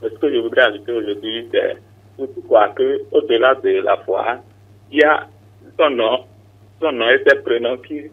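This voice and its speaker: A male caller on a phone line, polite and a little halting as he pays tribute. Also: medium pitch, husky. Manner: polite, apologetic, slightly halting. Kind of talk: call-in tribute. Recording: distant tinny phone line.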